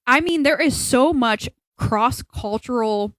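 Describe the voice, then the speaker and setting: A woman's voice: fairly high pitch, lively intonation, slow pace, no echo, low-quality recording. A young woman co-hosting a podcast, talking in a casual, opinionated and rambling way, pressing her points with emphasis. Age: young adult. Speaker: podcast co-host. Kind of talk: casual chat.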